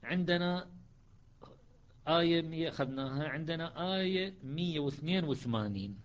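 A man's voice: a little high, moderate pace, highs cut off, a little hiss or hum. A man teaching a classroom lesson on Quran recitations, explaining step by step, repeating words and checking that his students follow.

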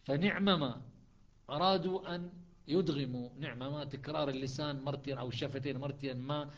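Brief: man, Quran recitation teacher, slightly high voice, dull lo-fi classroom recording. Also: fairly even intonation. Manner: explains step by step, breaks into slow chanted recitation. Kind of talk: classroom lesson on Quranic readings.

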